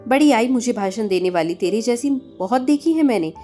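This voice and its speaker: Lady doing a bossy mean mother-in-law, high sharp voice, scolds nonstop, faint music under it. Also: expressive, fairly quick, close to an everyday voice. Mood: scolding. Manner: scolding, taunting. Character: harsh domineering middle-aged mother-in-law.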